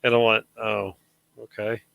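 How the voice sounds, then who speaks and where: A man's voice: fairly low pitch, little pitch movement, a little slow, creaky, dry recording, narrow, tinny audio. A man in his thirties chatting casually on a live show, rambling with frequent restarts. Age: 30s. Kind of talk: casual chat.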